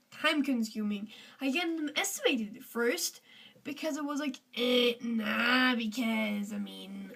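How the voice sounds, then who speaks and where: A woman's voice: on the high side, fairly bright tone, distant mic. A teenage girl from Austria with an Austrian German accent, chatting casually to camera as a vlogger, rambling with many fillers and restarts.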